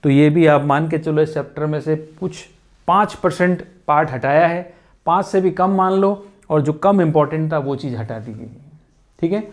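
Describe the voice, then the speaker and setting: A male physics teacher talks through a lesson in an unhurried, patient way, circling back to key points and checking in with his students. His voice sits somewhat high for a man. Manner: patient, repetitive explaining with frequent check-ins. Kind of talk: classroom-style lesson explaining syllabus changes.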